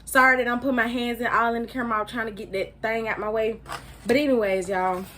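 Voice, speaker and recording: A woman's voice: fairly high pitch, steady tone, fast talker, pushed and bright. Mumbling young woman eating on camera. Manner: talks while chewing, mumbling. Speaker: YouTuber. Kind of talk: casual vlog chat while eating. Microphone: phone front camera.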